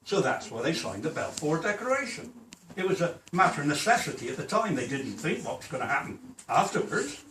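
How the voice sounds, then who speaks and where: A man's voice: on the high side, big pitch swings, a little fast, fairly bright tone, a little hiss or hum. An older man, a former policeman, answering audience questions in a plain, matter-of-fact way at a public talk. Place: hall. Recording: echoey hall, voice from far off.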